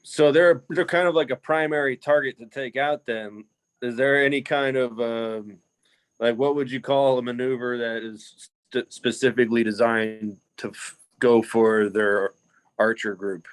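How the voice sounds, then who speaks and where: A man of middle pitch asks halting questions on a video call, stopping and restarting as he goes. His voice sounds dry and close. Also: fairly even intonation, no echo. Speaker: call participant asking questions.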